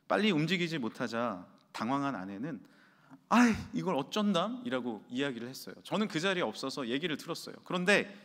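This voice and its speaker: A man preaching a sermon as senior pastor, an animated storyteller who acts out the voices he quotes. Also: mid-range voice. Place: church sanctuary. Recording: long reverb of a large hall.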